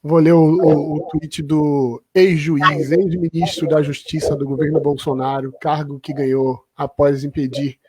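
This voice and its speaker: A man's voice: on the high side, flat delivery, a little slow, hardly any pauses, noisy background. A man hosting a political discussion, casually prompting his guest with questions. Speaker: host.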